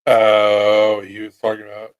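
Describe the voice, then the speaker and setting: A man's voice: lowish voice, monotone, measured pace, clean tone, no echo, poor audio. An American man hosting a casual chat show, joking around in a crude, offhand way. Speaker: podcast host.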